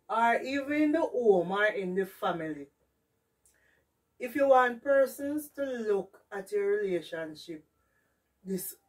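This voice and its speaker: Jamaican woman, recorded from a distance. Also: medium pitch. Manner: emphatic, repeats points, slips into Patois. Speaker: vlogger. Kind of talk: casual advice chat to camera. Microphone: distant camera mic. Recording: distant camera microphone in a room.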